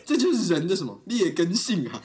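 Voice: mid-range voice, very animated, a little fast, a little mellow. A podcast co-host, chatting casually in a playful, self-mocking way with frequent laughter. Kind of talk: casual chat.

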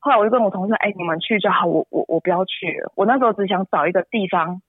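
A woman's voice: very fast, slightly rough, no room sound. A woman pours out an emotional story. Her voice breaks and leaps upward when she gets upset. She sounds close and dry, squeezed through a narrow phone line. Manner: tearful, pitch jumps high when upset. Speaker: interview guest, mother. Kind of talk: emotional personal account.

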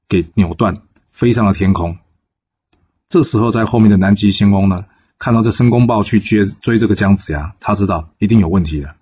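A man casually narrating a classic folk tale in a relaxed, filler-heavy way. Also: lowish voice, breathy edge, highs cut off. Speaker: storyteller.

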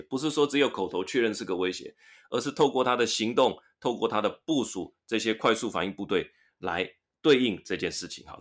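A man hosting a podcast lesson, reading English news passages aloud and explaining them in with frequent tag particles. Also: fairly low pitch. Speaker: podcast host teaching English through news articles.

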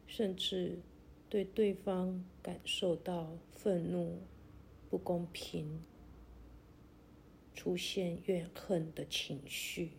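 Woman, sleep-story meditation narrator, very slow, soothing, even low-key intonation, long pauses. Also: gravelly, slight background noise. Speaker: guided meditation host.

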